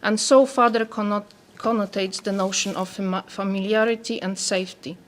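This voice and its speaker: Soft-spoken woman with a Polish accent. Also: medium pitch, steady tone, moderate pace, slight background noise. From Poland. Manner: soft-spoken, careful reading. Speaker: anthropologist speaker. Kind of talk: reading a prepared talk.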